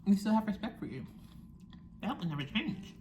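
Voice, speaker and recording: A woman's voice: mid-range voice, sing-song, normal speed, a little mellow, a little hiss or hum. A young woman chatting casually to her viewers, talking while she eats, frank and musing. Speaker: vlogger. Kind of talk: casual chat to camera.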